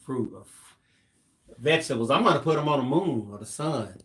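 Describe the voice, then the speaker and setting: A man co-hosting a live craft stream, reading viewer comments aloud with relaxed, joking asides. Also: mid-range voice, brisk. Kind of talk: live stream co-host chat.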